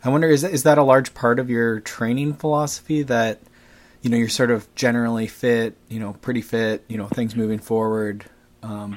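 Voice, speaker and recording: A man hosting a podcast, asking long, searching questions with many fillers. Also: medium pitch. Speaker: podcast host. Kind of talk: podcast interview.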